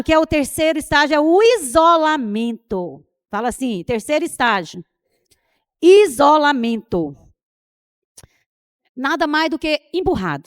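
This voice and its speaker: A woman's voice: high voice, no echo, studio quality. A woman with a Brazilian Portuguese accent preaching a sermon, telling personal stories and acting out the dialogue in them. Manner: animated storytelling, acting out dialogue. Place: church retreat.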